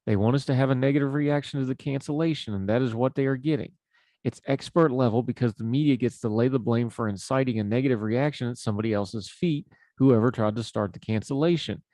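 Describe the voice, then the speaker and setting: A man's voice: medium pitch, fast talker, dark tone, dry recording. A man with an Appalachian hillbilly accent hosting a talk show, giving conversational news commentary in a folksy, informal way.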